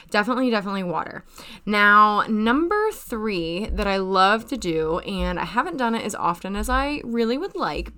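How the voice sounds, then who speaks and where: A woman's voice: mid-range voice, sharp tone. Bubbly chatty young woman podcaster. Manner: bubbly and chatty, laughs often. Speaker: podcast host. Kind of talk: casual solo podcast advice.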